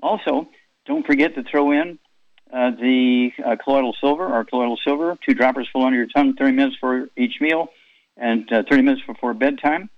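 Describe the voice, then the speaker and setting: A man's voice: mid-range voice, brisk, no echo. A man in his eighties hosting a call-in health radio show, giving rambling, folksy product advice. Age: 80s. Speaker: radio talk show host. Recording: dull lo-fi radio broadcast with faint music.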